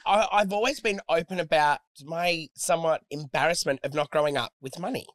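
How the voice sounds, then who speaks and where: A man's voice: fairly high pitch, a little fast. An Australian man talking reflectively as a podcast guest in casual chat, telling stories with frequent restarts.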